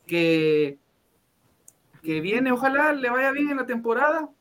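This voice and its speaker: A man's voice: very high-pitched, very animated, slow, fairly bright tone. A young Guatemalan man with a Guatemalan Spanish accent, co-hosting a casual sports chat, laughing often and restarting his sentences. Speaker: podcast co-host.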